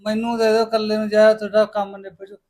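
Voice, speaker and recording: A man's voice: high voice, completely flat delivery, quick pace, a little mellow, lightly acted. A man with a Punjabi accent playing a drunken, stubborn father who sulks and snaps back at his family. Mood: grumbling. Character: drunken stubborn middle-aged husband and father. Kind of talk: Punjabi short film acting.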